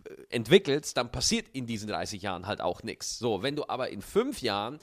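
A man, a comedian, talking in an animated way with quick asides and restarts in a casual chat. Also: lowish voice.

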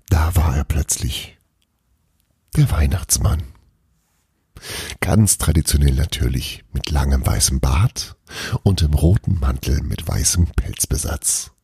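A man chatting briefly before reading an Advent calendar story chapter in an expressive way. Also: a bass voice, husky, dry recording, studio quality.

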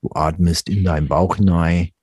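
A soothing hypnotist with a broad Hessian accent, as a man puts him on. He drawls slow lulling suggestions in a deep, very husky voice. It sounds dry and close. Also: fairly even intonation, darkish tone, no echo. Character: drowsy-voiced male hypnotist.

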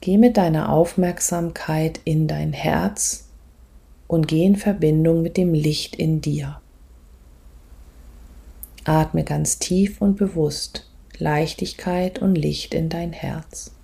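Woman, spiritual coach, low-pitched, husky and breathy, gentle measured delivery, reflective meditation guidance. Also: fairly even intonation. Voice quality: husky, creaky, breathy at phrase ends. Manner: measured, gentle instructing with pauses.

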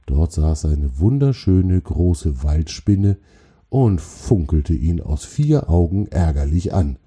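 Deep, mellow man narrating a children's story. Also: slow pace, slightly rough. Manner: calm, gentle storytelling.

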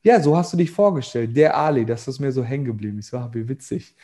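A man's voice: mid-range voice, expressive, fast, warm tone. A man guest on a podcast, telling a personal story casually with many fillers and quoted dialogue.

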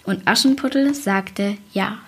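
A woman reading a fairy tale aloud in a calm, even storytelling voice. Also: mid-range voice, measured pace.

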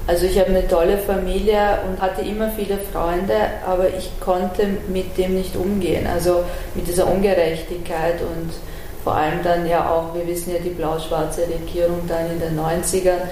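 Interviewed in conversation, a middle-aged artist and activist of Iranian origin, raised in Vienna, talks in a dark voice on the low side. Her remarks are frank and reflective, strung into long run-on sentences. Faint ambient noise and a roomy echo are audible.

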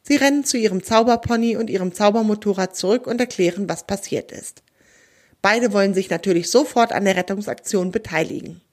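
A woman narrating a children's storybook in a gentle, clear storytelling manner. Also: mid-range voice, a little fast.

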